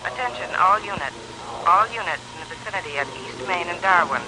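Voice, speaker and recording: An actor playing a police dispatcher heard over the radio in a 1950s radio drama, calling out units and codes in a clipped, repetitive way. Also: male voice, sits high, lively intonation, a little fast. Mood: urgent. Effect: police radio transmission. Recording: noisy radio broadcast recording.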